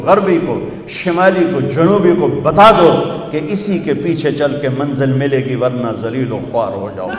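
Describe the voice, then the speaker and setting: A male preacher delivers a sermon with rhythmic, emphatic lists that rise in repetition. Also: on the high side. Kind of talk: Urdu sermon. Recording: echoey hall with long reverb.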